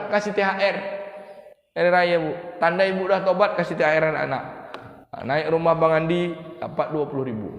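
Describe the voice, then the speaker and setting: A male preacher gives a lively sermon, throwing questions at his listeners. His voice sits high for a man. It echoes through a large hall with a long, ringing reverb. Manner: lively, asks the congregation questions.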